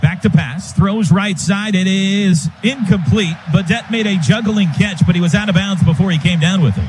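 An American man calls live football play-by-play on the radio in a high voice at normal speed, his clipped phrases rising excitedly with the action. Loud stadium noise fills the background of the broadcast.

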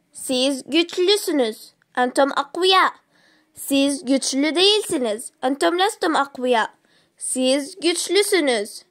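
A woman's voice: high voice, fairly bright tone, no echo, clean studio sound. A woman teaching a language lesson, repeating each word and short example sentences with translations. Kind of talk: slow drilled vocabulary lesson.

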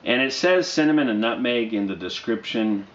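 A man in his thirties giving a casual, low-key product review to camera, speaking in a halting, unhurried way. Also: animated, a bit bright. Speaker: pipe tobacco reviewer. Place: small dim living room, indoors. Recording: dull, roomy sound with faint noise.

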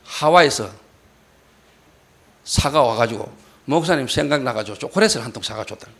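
A male pastor telling a personal story in a sermon and acting out shouted quotes. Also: mid-range voice, animated, moderate pace. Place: church hall.

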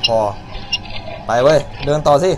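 A man's voice: measured pace, very noisy. A man commenting as he plays a horror game, yelping, swearing and talking back to it. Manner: jumpy, yelps and swears, talks to the game. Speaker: gaming YouTuber. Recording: loud background music.

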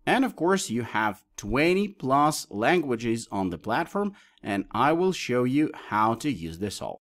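A man presenting a software tutorial, explaining each option step by step as he clicks through it. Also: medium pitch, big pitch swings, measured pace. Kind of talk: screen-recorded tutorial walkthrough.

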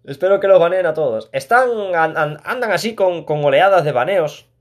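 A man chats casually while streaming a mobile game. He reads his chat aloud, talks warmly to viewers, and laughs often. He is talking a room at home. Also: a little high, lively intonation, moderate pace.

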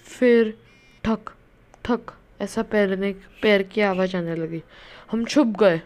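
A woman's voice: fairly high pitch, darkish tone. A woman telling a story in a casual way, often stopping to search for words.

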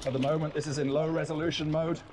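Speaking quickly in a slightly high, level voice, a man runs a live tech demo of an action camera outdoors on a forest bike path, with outdoor noise and clicks in the recording.

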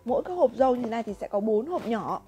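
Young woman vlogger explaining stuff, quick talker, music under it. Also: on the high side, expressive. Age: young adult. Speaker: vlog host. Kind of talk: casual explaining to viewers. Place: indoor fruit packing workroom. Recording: music behind workroom talk.

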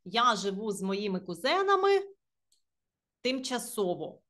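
Young woman, English teacher, grammar video lesson, patient explanations, pitch rising and falling a lot. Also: very animated, a bit bright. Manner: patient, reads English examples slowly then translates.

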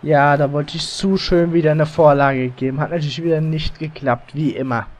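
Excitable man commentating his football game. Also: a little high, normal speed. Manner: excitable, swears and groans at the game. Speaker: let's play gamer. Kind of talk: casual live gameplay commentary. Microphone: headset or desk mic, slightly overdriven.

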